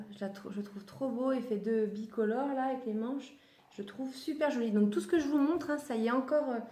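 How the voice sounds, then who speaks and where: A woman's voice: fairly high pitch, warm tone. A woman chatting casually through a clothing haul, often stopping to correct herself mid-sentence. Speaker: vlogger showing children's clothes. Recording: echoey room.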